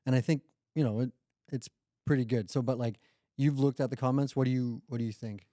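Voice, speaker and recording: A man with a mellow, warm voice chats casually as a podcast co-host, loose and playful, with "like" in nearly every sentence. The sound is close and dry. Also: medium pitch, steady tone, normal speed, no room sound. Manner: loose and playful, heavy use of "like". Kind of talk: casual chat.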